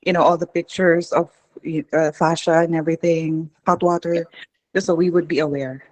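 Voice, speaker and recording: Female coworker, slightly low voice, casual, tentative explanation in a staff meeting. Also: little pitch movement, moderate pace, darkish tone, rough recording.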